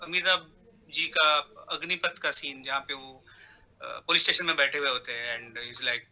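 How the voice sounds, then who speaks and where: A male actor answering interview questions casually, often slipping English phrases in and pausing on fillers. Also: medium pitch, sharp tone, rough recording. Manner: mixes English phrases into Hindi talk; hesitant fillers before answers.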